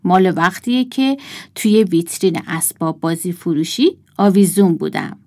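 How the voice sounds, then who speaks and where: Woman voicing a proud toy owl. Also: medium pitch.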